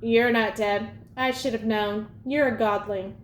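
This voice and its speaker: A woman voicing a smooth, sly older male ferryman of the dead with a British accent, sweet and cold. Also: fairly high pitch, steady tone, unhurried, slight background noise, pitched below the performer's own voice, lightly acted. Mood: smooth, mocking. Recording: echoey room, faint ambience.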